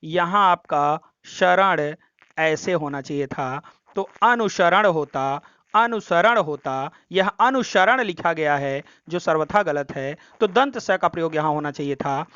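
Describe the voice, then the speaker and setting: A man with a high, smooth voice leads a Hindi grammar practice lesson. He steps through each option methodically and restates the corrections. The recording is dry and a little dull, with a lo-fi edge. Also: takes it slowly, pushed and bright, no echo. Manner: explains step by step, repeats options and corrections.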